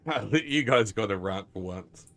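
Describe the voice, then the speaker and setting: A male streamer with a very deep voice rambles along with his game, swearing freely and poking fun at himself. His talk is casual and loose, full of fillers and restarts. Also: expressive, normal speed, fairly bright tone, faint music behind. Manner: rambling, profane, self-mocking. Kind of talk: casual live-stream commentary.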